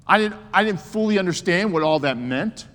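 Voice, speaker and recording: A man's voice: high-pitched, expressive, fairly quick, fairly bright tone. A man in his sixties preaching a sermon with emphasis and joking asides. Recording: long hall reverb.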